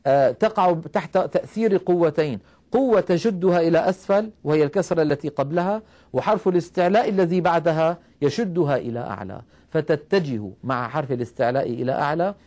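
In a recorded tajweed lesson, a man with a slightly high, expressive, darkish voice teaches recitation rules patiently and methodically. He breaks each rule into small steps, asks his listeners questions to check they're following, and slows right down to recite the example verses.

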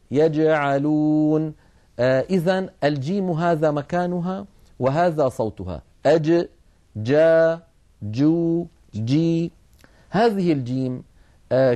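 Male recitation teacher, methodical slide-lesson delivery, warm mellow voice, sounds out letters. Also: medium pitch.

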